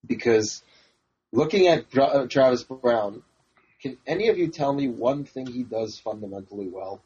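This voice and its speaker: A man's voice: medium pitch, animated, normal speed, darkish tone, slightly rough, muffled recording. A man on a podcast panel giving blunt, profane fight predictions in casual chat.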